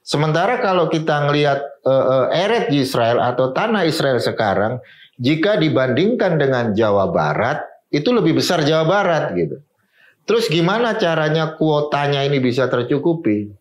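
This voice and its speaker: A man's voice: a little high, sing-song, moderate pace, reverberant, low-quality recording. A man speaking as a guest in an interview, explaining at length and mixing in Hebrew and English terms.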